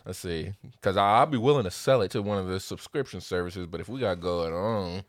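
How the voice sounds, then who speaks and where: A man's voice: low-pitched, fast, dry recording, studio quality. A man in his thirties co-hosting a podcast, chatting casually and laughing often. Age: 30s. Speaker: podcast co-host. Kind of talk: casual chat.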